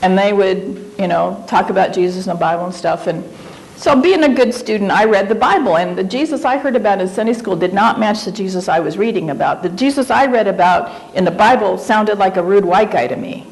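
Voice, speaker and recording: A woman's voice: medium pitch, fairly quick, a little mellow, low-quality recording. A woman from Japan giving a conference lecture in an auditorium, speaking reflectively and conversationally as she searches for her words.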